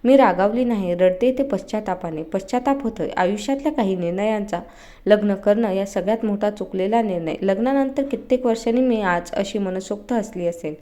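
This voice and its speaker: Picture a young married woman, stern in the office but shy and tender here, voiced by a woman reading a story. She speaks softly in a warm, mellow tone, full of quiet emotion. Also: medium pitch, fairly quick, close to an everyday voice.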